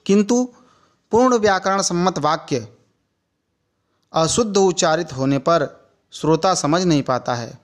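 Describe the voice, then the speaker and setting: Guy from india teaching a recorded class, slow careful explaining, fairly high voice. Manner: slow, deliberate explanation with spoken examples. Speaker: teacher educator. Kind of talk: recorded e-learning lecture.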